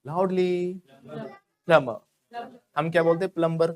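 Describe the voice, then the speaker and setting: A man's voice: fairly high pitch, moderate pace. A man with an Indian accent, a native Hindi speaker, teaching spoken English in a classroom and repeating words over and over for the class to copy. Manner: drills words by repetition, often asks the class to repeat. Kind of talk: classroom pronunciation lesson.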